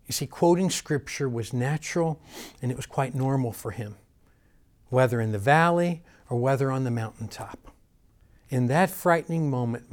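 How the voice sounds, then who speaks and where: A man's voice: medium pitch, darkish tone. A man preaching a sermon in an earnest way, building emphasis through repeated phrases.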